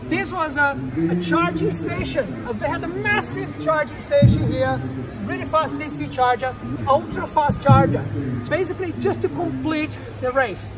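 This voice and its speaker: A man in his thirties, hosting his channel in an indoor expo hall, talking excitedly in loose, rapid phrases. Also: very high voice, loud music behind the voice. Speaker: channel host. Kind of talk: casual expo walkthrough. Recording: crowd noise behind.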